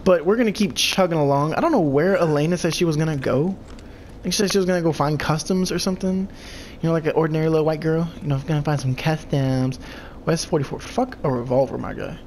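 With a little hiss or hum in the audio, a young man hosting a let's play talks fast at a fairly high pitch, a little mellow despite his congested voice. He trash-talks enemies loosely and profanely as he plays.

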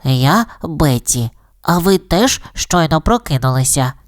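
A woman voicing a friendly, gentle young girl bat in a children's audio storybook, soft and slow with wonder. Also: low-pitched, lively intonation, no echo, clean studio sound. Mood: curious.

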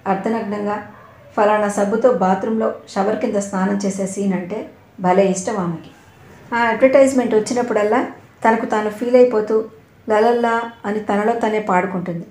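A woman narrating a novel aloud with steady, expressive storytelling. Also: mid-range voice, moderate pace. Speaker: audiobook narrator. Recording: roomy echo.

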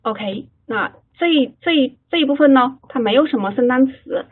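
Husky woman leading an online English drill. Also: sits high, lively intonation. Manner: repeats phrases slowly for drilling, stammers on restarts. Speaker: English class leader. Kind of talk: online study-group lesson. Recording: phone-like online call audio.

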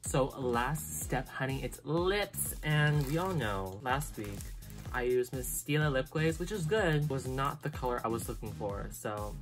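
A woman hosts a makeup tutorial in a very deep, low voice, sassy and full of swearing. She gushes dramatically over each step of her routine. Music plays clearly behind her. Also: expressive, unhurried. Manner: sassy, profane, dramatic exclamations. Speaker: makeup vlogger. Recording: music playing underneath.

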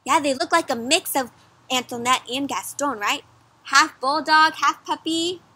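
In a garden or yard, a young woman with a high voice reads a picture book to a group of children. She keeps pausing to pose questions like a teacher, lively and friendly, as though the kids were her pals.

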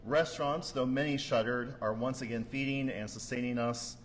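A man, a board member, giving a measured, prepared speech to graduates in an echoey hall. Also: mid-range voice, steady tone. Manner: measured, formal with occasional fillers. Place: large hall at a graduation ceremony. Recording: echoey hall with faint noise.

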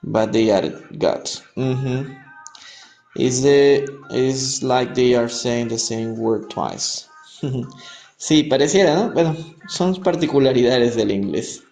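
A man from Peru teaching English on a live stream, reading aloud and explaining words in Spanish, repeating each pronunciation slowly. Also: mid-range voice, creaky, a little mellow. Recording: echoey room, faint music behind.

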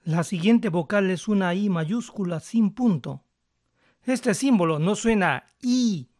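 Man, higher voice, dry close sound, calm methodical language lesson. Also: no echo. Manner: calm, methodical, slows down to model words. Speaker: language teacher. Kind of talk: explaining English pronunciation to learners.

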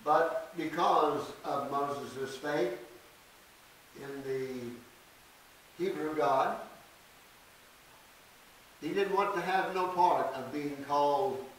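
An older man preaching a sermon at a church podium, reading scripture slowly and deliberately with emphatic stresses. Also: a little high. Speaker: pastor. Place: small church sanctuary. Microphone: podium mic from a distance. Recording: echoey church, distant mic, faint hiss.

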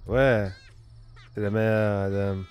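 A man's voice: on the low side, steady tone, slow, clean tone, faint music behind. A man with a Canadian French accent reads a game's dialogue aloud during a live gameplay stream, voicing each character in his own plain voice. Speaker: let's play streamer.

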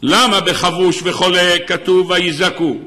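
In a sermon full of fervor, the rabbi's high voice stays steady yet sharp, and at points he cries out.

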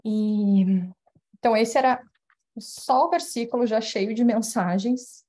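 A woman's voice: a little high, unhurried, mellow. A woman gives a public spiritual talk over a video call from home. She explains her points thoughtfully, with many fillers and tag questions. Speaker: speaker at a spiritist center. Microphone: webcam mic on video call.

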